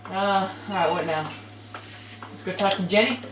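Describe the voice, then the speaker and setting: A man's voice: sits high, moderate pace, fairly bright tone, a little hiss or hum. A man hosting a let's play, giving playful, joking commentary and teasing the game's characters. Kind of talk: gaming commentary. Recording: echoey room with game music behind.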